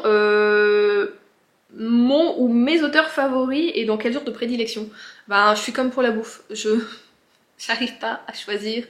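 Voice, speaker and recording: A woman's voice: on the high side, fairly bright tone. A woman chatting casually to her viewers in a rambling, self-interrupting way, recorded in an echoey home office. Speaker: book and lifestyle vlogger answering viewer questions. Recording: echoey, resonant room.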